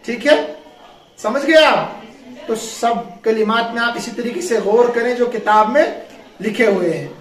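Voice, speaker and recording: A man teaching an Arabic grammar lesson to a class, asking questions and having the students finish his sentences. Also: very high-pitched. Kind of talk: classroom lesson with call and response. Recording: echoey room.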